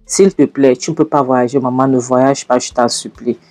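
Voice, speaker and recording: An anxious sixteen-year-old girl begs and insists in a low, warm voice, as a woman reads her part. She keeps repeating her pleas, and faint music plays behind her. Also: steady tone, moderate pace. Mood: pleading. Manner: pleading, insistent.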